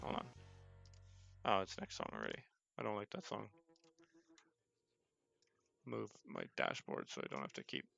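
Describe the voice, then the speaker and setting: A young man who is an esports head coach reviews match footage casually on a livestream, chatting with viewers and swearing now and then, with faint music in the background. His lowish, creaky voice swings hugely in pitch at a normal speed with long pauses and a fairly bright tone. The audio is dull.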